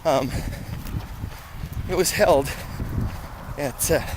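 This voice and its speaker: A man's voice: on the high side, drawn-out words. A middle-aged American man talking casually in a rambling, conversational way as he records a running vlog outdoors. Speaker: running vlogger. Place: outdoors on town and semi-rural streets. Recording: loud outdoor ambience and traffic noise. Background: loud road and outdoor noise.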